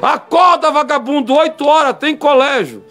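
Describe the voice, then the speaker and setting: A man voicing a gruff, impatient rich father who shouts and scolds his sons. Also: very high voice, sing-song, a little fast, faint music behind, voice pushed up, full character voice. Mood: scolding shouts.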